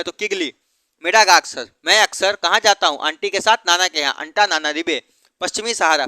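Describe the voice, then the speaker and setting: A man's voice: sits high, pushed and bright, clean tone, no room sound. A man teaching geography through memory tricks, asking questions and then answering them himself. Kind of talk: mnemonic geography lesson.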